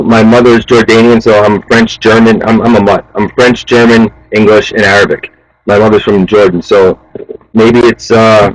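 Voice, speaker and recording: Fast-talking low-voiced man giving pep talk. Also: low-quality recording. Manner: fast, animated, motivational, says "man" a lot. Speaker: interview guest, chef. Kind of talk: casual interview talk.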